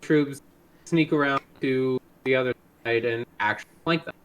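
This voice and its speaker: Player on a glitchy online call, voice dropping out every few words. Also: male voice, mid-range voice, fairly bright tone, clear, resonant tone, rough recording. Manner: halting, broken-off words. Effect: choppy online call audio, voice dropping out. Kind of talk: tabletop game chat. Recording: breaking-up voice call line.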